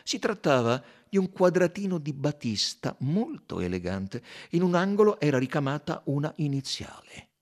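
A man narrates an audiobook in a husky voice that rises and falls dramatically. His reading is expressive and sits a little higher than most men's. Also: moderate pace, hardly any pauses. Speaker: audiobook reader.

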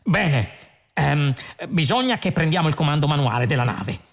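Zaphod, a man doing a wild excitable spaceman. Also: on the high side, moderate pace, vocal fry, heavily acted. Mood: excited bluster. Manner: shouting, excitable, overconfident. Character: excitable reckless male space adventurer.

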